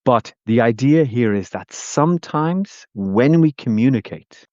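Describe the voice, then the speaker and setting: A man's voice: on the low side, a little mellow, dry recording, dull audio. A man with an Irish accent, a communication coach, sharing a casual teaching tip in a chatty, anecdotal way. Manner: chatty and anecdotal, with friendly asides.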